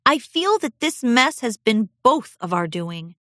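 A woman's voice: on the high side, big pitch swings, measured pace, no room sound, studio quality, pitched above the performer's own voice. A woman reading aloud voices a kind pony princess who speaks in a soothing, caring way. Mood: gentle. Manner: warm, soothing, apologetic.

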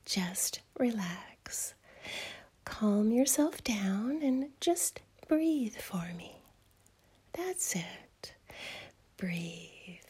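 A woman voicing a teasing, doting adult female fairy in a whispered audio roleplay, with a soft breathy whisper and slow, coaxing delivery. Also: on the high side, lively intonation, exaggerated voice.

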